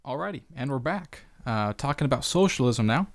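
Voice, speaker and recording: A man's voice: mid-range voice, lively intonation, brisk, faint music behind. A man hosting a solo podcast in a casual, conversational way, with plenty of fillers and wry, sarcastic asides. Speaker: podcast host.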